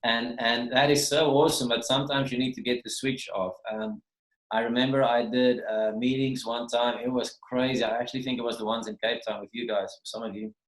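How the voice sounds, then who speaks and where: A man's voice: medium pitch, fairly even intonation, fairly quick. Man teaching, roomy call. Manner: rambling, restarts and repeats words. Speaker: minister teaching a Q&A session. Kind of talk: casual spoken teaching. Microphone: video call. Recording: roomy video call audio.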